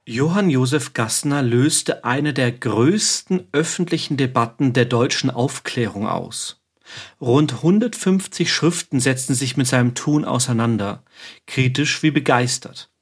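A man giving steady, informative scripted narration on history. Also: medium pitch, a little slow, breathy edge.

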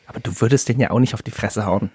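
A man's voice: lowish voice, fast, a little mellow, slightly rough, dry recording, clean studio sound. A young man co-hosting a podcast in casual chat, slangy, laughing often as he tells stories. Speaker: podcast co-host.

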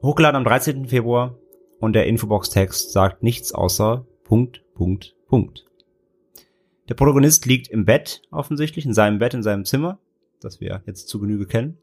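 A man's voice: mid-range voice, normal speed, darkish tone. A man co-hosting a casual podcast, retelling events at length with frequent restarts. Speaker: podcast co-host. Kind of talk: casual chat.

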